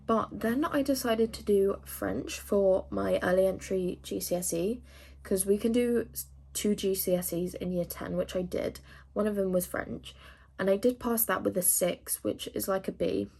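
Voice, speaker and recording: A teenage English girl, a native speaker, vlogs casually to camera in a medium-pitched, gravelly voice with a darkish tone and a breathy edge, at normal speed. She rambles through answers to questions, full of fillers.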